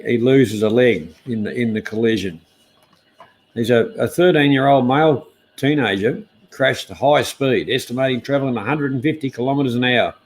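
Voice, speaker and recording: An Australian man hosting a casual live stream news chat, speaking in a laconic, hesitant, easygoing outback drawl. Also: medium pitch.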